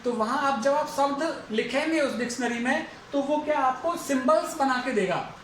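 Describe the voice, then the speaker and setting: A male English lecturer giving a phonetics lesson for exam students, who repeats each example word slowly several times. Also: very high voice, fairly bright tone. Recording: echoey room, faint background noise.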